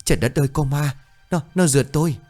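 A terrified little village boy yells in panic, his voice pitched high above the storyteller's own, put on by a man. He speaks, and the storybook narration carries a faint music bed underneath. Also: normal speed, close to an everyday voice. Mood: panicked. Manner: panicked yelling.

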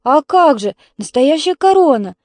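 A woman voicing a lively, know-it-all little girl who bosses her younger sister. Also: high-pitched, normal speed, no room sound, voice pushed up. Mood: eager. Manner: knowing, instructive.

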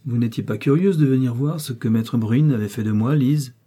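Haughty prince read by a man, cold and sarcastic, dark husky tone, audiobook. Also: medium pitch, normal speed, natural voice. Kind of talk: audiobook character reading.

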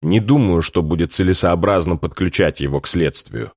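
Man reading as a tired detective, low and calm, clipped replies, dry close sound. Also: moderate pace, no echo. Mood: restrained. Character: weary, restrained male police investigator.

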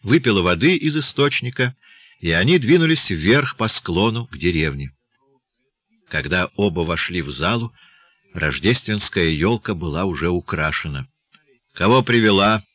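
A man narrating an audiobook with an expressive, animated reading. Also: deep voice, moderate pace, slightly rough, no echo, lo-fi sound. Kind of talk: scripted narration.

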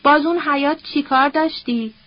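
A woman's voice: high voice, close to an everyday voice. A woman voicing a sulky, suspicious young woman who needles and scorns, on a dull, lo-fi recording. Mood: sulky scornful.

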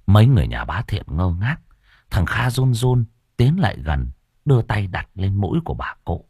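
A man narrating an audiobook in an expressive, animated way. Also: lowish voice, normal speed, breathy edge, no room sound, clean studio sound. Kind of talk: storytelling narration.

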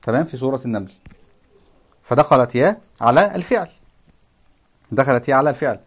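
A man teaching a grammar text to a class. He keeps asking the room questions, answers them himself, and recites lines of verse in a slow chant. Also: mid-range voice, animated, lo-fi sound.

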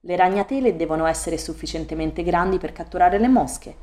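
A woman voicing an aloof, smug male cat who toys with his prey, in an indifferent, overly smooth manner, in an audiobook reading. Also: fairly low pitch, brisk, darkish tone, lightly acted.

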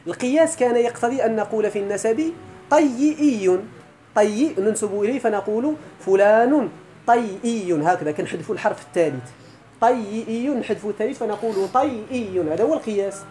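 A man with a Moroccan accent teaching an Arabic grammar lesson, chanting verses slowly and quizzing his students. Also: sits high, dark tone, faint music behind, rough recording.

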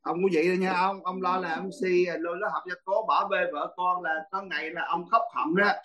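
Blunt high-voiced monk teaching dharma. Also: male voice, fairly even intonation, fairly quick, bright, forceful tone, rough recording. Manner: blunt, teasing, laughs often. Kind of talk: Buddhist dharma class.

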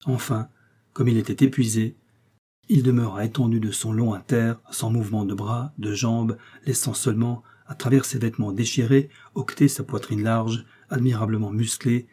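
Male audiobook narrator, measured delivery, warm dark husky tone. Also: mid-range voice, steady tone. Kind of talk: scripted narration of a novel.

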